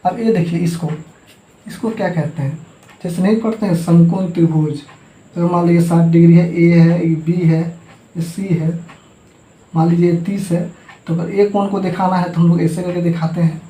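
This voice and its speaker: In an echoey room, a man leads a math class through call-and-response drilling, saying each term and having students repeat it. His voice is slightly high and dark-toned, delivered steadily at an ordinary speed.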